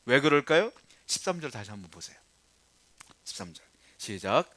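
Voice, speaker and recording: A middle-aged male pastor preaching a sermon in a conversational way, dropping to quiet asides and then repeating points loudly and emphatically. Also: mid-range voice, sing-song, moderate pace. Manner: acts out nagging parents and quoted voices.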